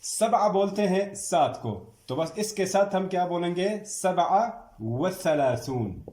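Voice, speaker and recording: A man teaching a classroom lecture, drilling numbers slowly and stressing each one as he repeats it. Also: sits high, a little mellow, a little hiss or hum. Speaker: Arabic teacher. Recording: echoey room.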